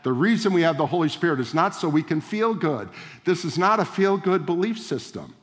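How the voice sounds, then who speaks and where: A man's voice: fairly high pitch, very animated, a little fast. Man preaching in a reverberant hall. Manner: conversational preaching with rhetorical questions and direct address. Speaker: pastor. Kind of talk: sermon. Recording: long reverb of a large hall.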